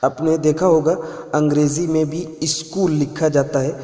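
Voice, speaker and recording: A man's voice: fairly high pitch, steady tone, mellow. Man teaching grammar in an echoey room. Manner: patient, repeats key points for emphasis. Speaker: Arabic teacher. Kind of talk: spoken grammar lesson. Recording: echoey room with long reverb.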